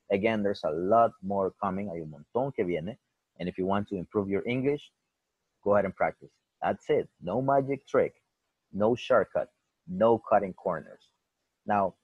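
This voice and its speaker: A man teaches English in a lively bilingual lesson and drills example words slowly. His voice sits low and husky. The sound is dry and a little muffled. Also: dry recording.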